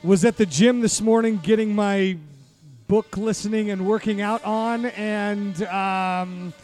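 A man with a high-pitched voice talks casually and tells anecdotes as a podcast guest. There is faint music in the background. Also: steady tone, slow pace, darkish tone. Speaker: podcast guest and company founder. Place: bar under construction.

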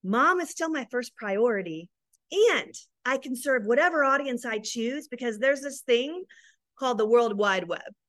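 A woman's voice: fairly high pitch, animated, normal speed, no echo. A woman in her thirties or forties, a guest on a podcast, talking in an enthusiastic, heartfelt way about building her business as a mom. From Arizona, USA. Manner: warm, emotional, tearful while telling her story; enthusiastic, upbeat. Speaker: guest, business coach for moms. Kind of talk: casual podcast interview.

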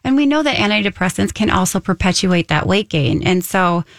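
A woman's voice: medium pitch, lively intonation, a little fast, gravelly, dry recording. A woman co-hosting a nutrition radio talk show in a chatty way, often chiming in to agree.

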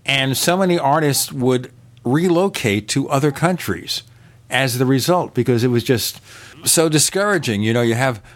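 Guy hosting a chatty podcast, mid pitch, easygoing, agrees a lot. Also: lively intonation, normal speed. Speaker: podcast host. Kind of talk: casual interview chat.

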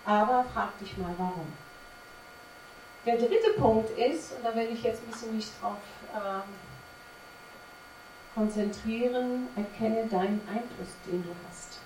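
A woman's voice: on the high side, unhurried, pauses often, darkish tone, a little hiss or hum. A woman preaching a sermon to her congregation, emphatic and full of rhetorical questions. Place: church service. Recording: echoey room from a distance, faint ambience.

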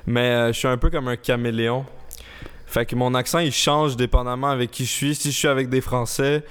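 A 21-year-old man from the Laurentides with a Quebec French accent, chatting casually as a podcast guest, relaxed and unhurried with frequent hesitations. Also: medium pitch, smooth.

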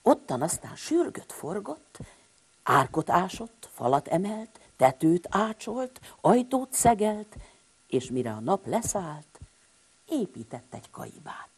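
A woman telling a rhyming bedtime story to children, animated and speaking to them directly. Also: fairly low pitch, husky.

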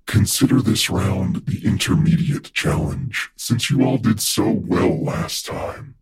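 An actor playing a spooky disembodied male captor voice who speaks in a slow, measured, ominous way. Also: deep voice, creaky, husky, heavily acted. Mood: menacing. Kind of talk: audio drama acting.

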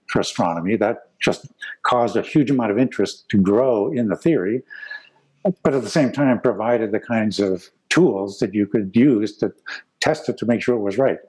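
An older male guest gives a measured, explanatory answer in an interview. His voice sits at a middle pitch, and he speaks steadily. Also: a little mellow, husky, rough recording. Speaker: physicist guest.

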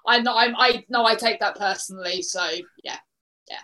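A woman appears as a guest on a football podcast, chatting casually but with fervent, emphatic passion about her team. Her voice is fairly high and sharp, at a normal speed.

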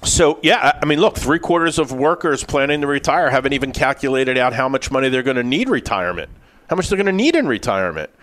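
A man's voice: medium pitch, expressive, fast, fairly bright tone. Emphatic man, radio finance host. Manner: emphatic, repeats words for stress. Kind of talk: radio show conversation.

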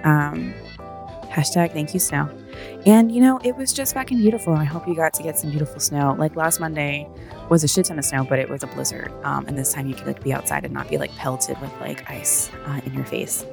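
A woman's voice: deep voice, animated, fast talker, vocal fry, over music. A woman hosting a podcast with a stuffy nose, chatting casually in a naturally sarcastic-sounding way and swearing freely. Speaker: podcast host.

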